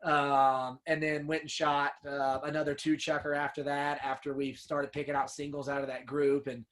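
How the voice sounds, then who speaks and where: This upland hunter and kennel owner, appearing on a podcast, shares hunting tales at a moderate pace in a slightly high, slightly bright, level voice. He sounds earnest and emotional throughout the casual interview, with "man" and "dude" cropping up often.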